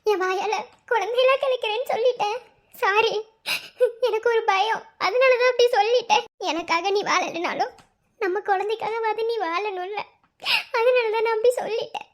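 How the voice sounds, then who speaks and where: A very high, squeaky voice of an anxious young pregnant wife, as a woman acts her out in a cartoon. She pleads and soothes in a Madurai Tamil accent. The delivery stays tender and worried. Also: normal speed. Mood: tearful. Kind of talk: cartoon voice acting.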